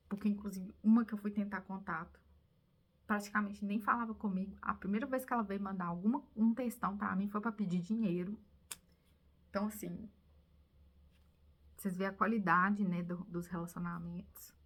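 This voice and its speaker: A Brazilian woman vlogging, telling viewers a personal story in an animated, confiding way that now and then drops to a whisper. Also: medium pitch, fairly quick. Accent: Brazilian Portuguese.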